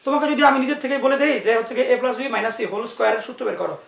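A man teaches physics in an online class, talking fast and reassuring his students as he coaxes answers out of them. His voice is high and gravelly. He sits a little back from the mic in an echoey room. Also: fairly bright tone, far from the mic. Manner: quick, coaxing, reassuring tutoring with many asides.

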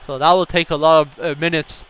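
A young man commentating his own gameplay, telling a story and bursting into excited shouts at the game. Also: fairly high pitch, fairly quick, a little hiss or hum. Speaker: gaming YouTuber.

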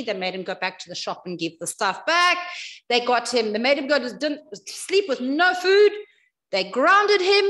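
A woman telling a story to children in a church service, expressive, swinging from soft to loud. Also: high-pitched.

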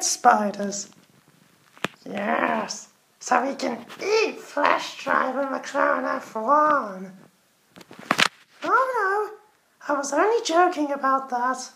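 A woman's voice: sits high, big pitch swings, extremely slow, vocal fry, long pauses, fairly bright tone, a little hiss or hum. A woman hosting a Halloween toy car race in a theatrical, teasing way, cackling between lines. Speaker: host.

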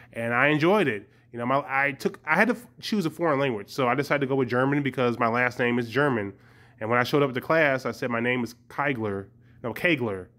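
A man's voice: mid-range voice, fairly bright tone. A man, a young adult, chatting casually to his viewers in a rambling, hesitant way with frequent chuckles. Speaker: vlogger.

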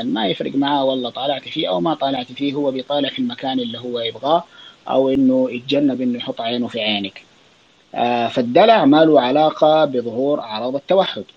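A man with a Saudi accent, a child psychiatrist, answering listener questions in a relaxed spoken Q&A, explaining with fillers and quick restarts. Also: medium pitch, vocal fry, highs cut off, a little hiss or hum. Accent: Saudi Arabic. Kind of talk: casual spoken Q&A on an online audio space.

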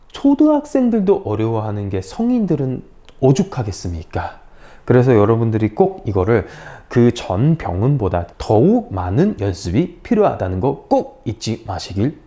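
A woman's voice: extremely low pitch, warm tone. A woman teaching Chinese pronunciation, drilling syllables and tones one by one and explaining with playful asides to her learners. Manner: drills syllables and tones, repeating after each. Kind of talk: pinyin pronunciation lesson.

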